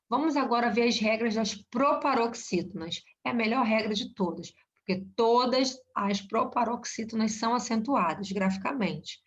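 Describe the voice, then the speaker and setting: A woman's voice: a little high, moderate pace, hardly any pauses. A woman with a Brazilian Portuguese accent teaching a recorded grammar lesson, explaining step by step and checking in with short tag questions. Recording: dull lo-fi recording.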